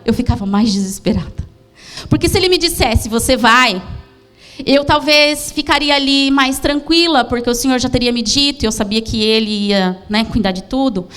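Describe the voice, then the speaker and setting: Brazilian woman pastor, smooth voice. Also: high-pitched, fairly bright tone. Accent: Brazilian Portuguese. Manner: emotional, halting storytelling with many restarts. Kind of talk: sermon testimony. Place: church.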